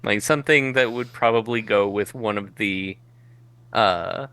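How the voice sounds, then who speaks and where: Male game master, low and crisp, easygoing scene narration for a tabletop game. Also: a little slow, no room sound. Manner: relaxed, descriptive, thinks aloud.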